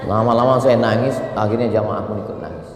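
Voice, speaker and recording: A man preaching a sermon, an animated storyteller who lifts his voice high for quotes. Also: fast, some chatter behind. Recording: reverberant hall with faint ambience.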